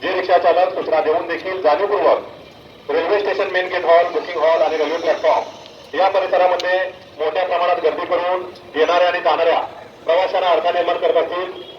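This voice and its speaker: A man's voice: high voice, steady tone. Man announcing firmly over a station PA. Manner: firm, measured, repeats instructions. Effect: over a station PA loudspeaker. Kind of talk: public address announcement. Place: railway station, heard from the platform. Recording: echoey muffled loudspeaker, faint noise.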